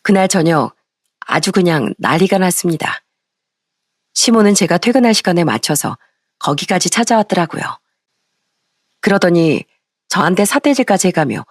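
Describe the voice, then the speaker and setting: A woman narrating a first-person story in a lively, indignant tone. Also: fairly low pitch, normal speed, pauses often, no room sound, clean studio sound.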